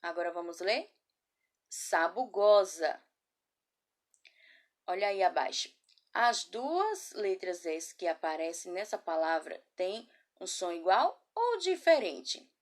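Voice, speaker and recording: A woman teaching a children's class from a camera, patient and affectionate, asking guiding questions and sounding words out slowly. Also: fairly low pitch, big pitch swings. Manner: patient, slow syllable-by-syllable spelling. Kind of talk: remote class lesson. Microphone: laptop or phone camera.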